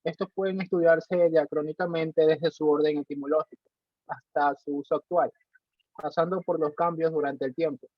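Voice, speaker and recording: A man presenting to his class, reading in a plain, even way. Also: on the high side, normal speed, no room sound. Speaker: student presenter. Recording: dry, dull lo-fi call audio.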